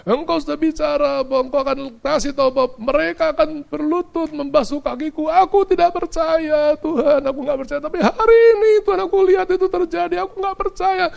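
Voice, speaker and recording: A preacher doing a sobbing, overwhelmed pastor. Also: male voice, steady tone, a little fast, creaky, few pauses, heavily acted. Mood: tearful prayer. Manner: high-pitched sobbing pleas, loud cries. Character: weeping humbled male pastor, overwhelmed, unworthy.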